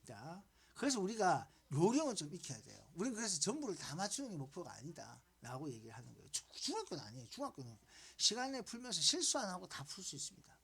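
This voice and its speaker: A woman's voice: lowish voice, sing-song, fast talker, hardly any pauses, slightly rough. A woman math teacher giving a lesson, coaxing students along with repeated prompts and questions.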